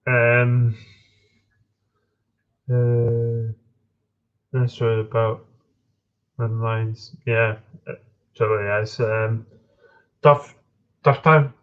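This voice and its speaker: A Scottish man chatting casually on a live stream, answering viewers in a halting way with frequent ums and restarts. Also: mid-range voice, little pitch movement. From Scotland. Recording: dull lo-fi stream audio.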